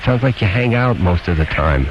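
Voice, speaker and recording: A low-voiced, animated man at normal speed runs a radio call-in advice show from the studio, pressing callers with blunt, opinionated questions. The recording is a noisy, dull lo-fi AM aircheck.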